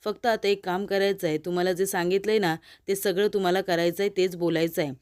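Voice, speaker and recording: A woman voicing a confident, playful young husband in a serial recap, calm and self-assured. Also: fairly low pitch, quick pace, smooth, close to an everyday voice.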